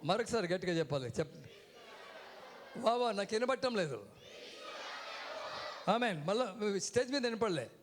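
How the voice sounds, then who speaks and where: A man preaches as a guest from a church stage at a normal speed, his high voice very animated and broken by long pauses, with background noise audible. He keeps calling "hello" to the congregation and has them repeat his words in call-and-response.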